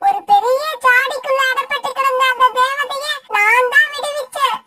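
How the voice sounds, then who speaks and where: A woman voicing a small, cheerful young female sparrow in a cartoon story, with a very high childlike voice. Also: normal speed, very noisy. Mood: earnest. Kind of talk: cartoon voice acting.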